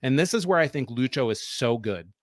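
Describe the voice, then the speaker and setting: A man co-hosting a soccer talk show, walking through each play in detail with a steady, explanatory delivery. His voice sits at an ordinary middle pitch and sounds dry and close to the mic. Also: fairly quick, dry recording. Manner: explanatory, talks through plays step by step. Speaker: co-host, soccer analyst. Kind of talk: tactical breakdown, casual podcast talk.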